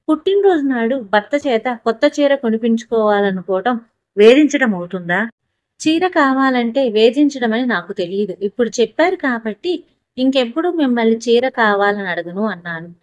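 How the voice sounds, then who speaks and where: A woman reading a first-person story aloud in a steady, even narrating voice. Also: on the high side, no room sound, dull audio. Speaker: audiobook narrator.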